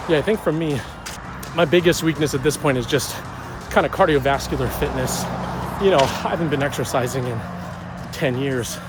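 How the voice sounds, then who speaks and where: A man's voice: mid-range voice, moderate pace, pauses often, music in the background. A young man vlogging on a run outdoors, out of breath, joking loosely with lots of fillers. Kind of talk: casual vlog chat.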